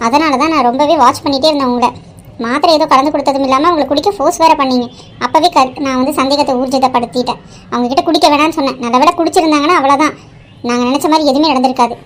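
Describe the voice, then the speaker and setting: A woman voicing a calm, pious aunt in a cartoon drama who answers back with sharp retorts. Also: high-pitched, lightly acted. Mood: accusing. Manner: composed, quick retorts. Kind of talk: Tamil cartoon drama voice acting.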